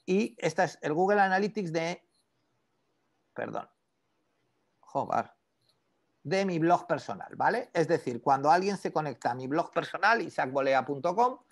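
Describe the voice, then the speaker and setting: A man teaching an online class on e-commerce, conversational and animated, constantly checking in with his students. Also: fairly high pitch, vocal fry. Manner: conversational, peppers speech with "¿vale?"; animated, lively explanations with asides to students. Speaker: e-commerce instructor.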